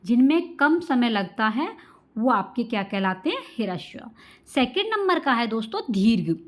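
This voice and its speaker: A woman teaching an exam-prep grammar lesson, calling her viewers friends, asking questions and answering them herself, and drawing out example sounds slowly. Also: fairly high pitch, sing-song. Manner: addresses listeners as friends, asks and answers own questions.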